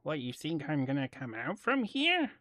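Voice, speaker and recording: A man's voice: a little high, wildly swooping pitch, normal speed, pushed and bright, no room sound, clean studio sound, exaggerated voice. A man voicing a small, mocking, mischievous shapeshifting spirit in a tabletop game. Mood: taunting. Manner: taunting.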